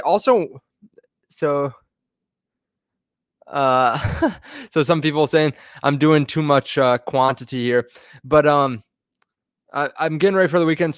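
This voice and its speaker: A man with a fairly high voice hosts a casual live stream, rambling through thoughts with frequent ums and restarts. He sounds a little out of breath, talking into a phone with a dry, close sound. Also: no echo. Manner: rambling, filler-heavy, restarts often. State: a bit out of breath. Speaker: finance channel host.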